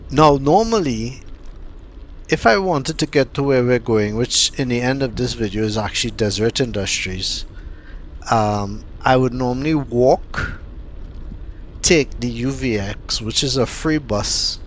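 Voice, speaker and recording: A man from Trinidad, giving casual, unhurried vlog commentary with plenty of fillers and pauses. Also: medium pitch, a little hiss or hum. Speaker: cycling vlogger.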